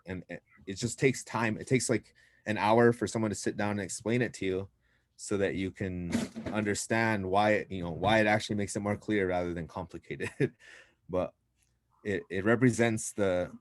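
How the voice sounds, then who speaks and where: Man, language teacher, patient explainer, lowish voice, dry close sound. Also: normal speed, no echo. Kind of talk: classroom language lesson.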